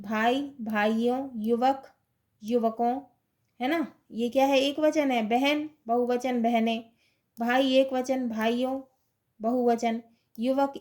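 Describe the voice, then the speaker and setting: Slow, patient Hindi-speaking woman teacher. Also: a little high, a little mellow. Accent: Indian Hindi. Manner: slow, repeats each answer, asks and answers own questions. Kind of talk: school lesson for children.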